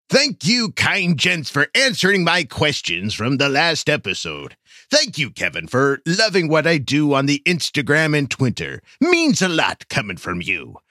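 A man leaves a playful voice message for a sports podcast. His voice sits a little high and swings all over the place. It sounds bright and forceful and is recorded close and dry. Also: dry recording. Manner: animated, playful sports fan. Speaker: listener sending a voice message. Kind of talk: read-out fan voice message.

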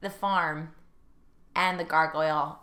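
A chatty woman co-hosting a casual talk show. She rambles in quick bursts packed with fillers, and her voice is bright and sits a little low. She sounds loose and conversational throughout. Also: steady tone. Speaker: podcast co-host. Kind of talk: casual chat.

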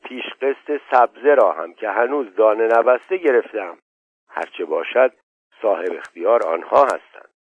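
Man doing a smooth-talking older landowner, wheedling his brother, dry lo-fi sound. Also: on the low side, lively intonation, no room sound. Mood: coaxing. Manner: coaxing, persuasive. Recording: dull, dry lo-fi audio.

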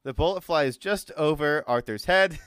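Male game master: informal, amused, halting improviser with a clean voice and dry recording. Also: on the high side, fairly bright tone, clear, resonant tone, no echo. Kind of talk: improvised tabletop game narration.

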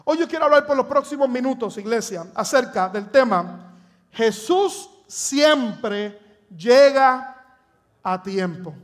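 Slow and animated, a Puerto Rican man preaches in an extremely high-pitched voice with a Puerto Rican Spanish accent. The pastor dramatically acts out scripture and jokes with his congregation in the church sanctuary.

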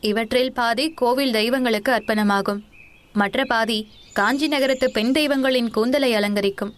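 A tall, stern Buddhist monk who speaks calmly and cryptically, measured and grave, as a woman narrator gives him voice. His words carry quiet prophecy. Told in a fairly high voice for a storybook. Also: close to an everyday voice.

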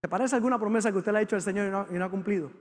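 Pastor preaching, really high voice for a guy, fervent then hushed, big echoey sanctuary. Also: very fast. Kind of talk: sermon. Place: church sanctuary with congregation. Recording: long hall reverb.

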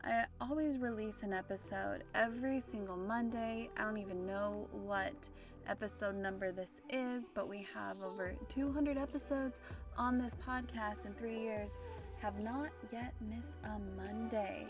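A woman's voice: mid-range voice, steady tone, measured pace, music in the background. A woman with a standard American accent, talking casually and reflectively as the host of a spiritual podcast.

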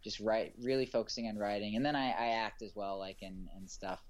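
A man's voice: on the low side, a little fast. A man, a filmmaker, chatting casually in an interview, rambling with frequent restarts and fillers. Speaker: filmmaker guest.

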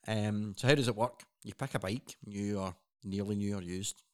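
A man's voice: fairly low pitch, fairly even intonation, normal speed, darkish tone. A man co-hosting a casual news chat, earnest and rambling with frequent restarts. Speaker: co-host.

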